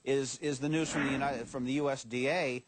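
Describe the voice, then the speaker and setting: A man's voice: medium pitch, steady tone, a little fast, a little hiss or hum. A man appearing as a guest who edits a market newsletter, answering in an assertive way on a business news show. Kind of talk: cable business news discussion.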